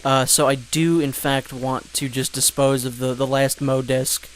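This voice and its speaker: A man's voice: mid-range voice, little pitch movement, measured pace, a little hiss or hum. A man giving casual gameplay commentary, rambling with joking asides and fillers. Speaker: let's play commentator.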